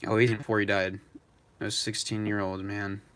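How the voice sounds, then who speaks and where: A young man live streaming, talking in a rambling, halting way with many restarts. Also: fairly low pitch, flat delivery, fairly bright tone, clear, resonant tone. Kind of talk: emotional live-stream tribute chat.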